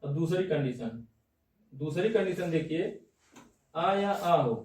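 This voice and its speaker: Male teacher, high voice, quizzing students; distant, roomy classroom recording. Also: lively intonation, slow pace, darkish tone. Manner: checks understanding with repeated "theek hai na?". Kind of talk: classroom lecture on Hindi grammar. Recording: echoey room, distant mic.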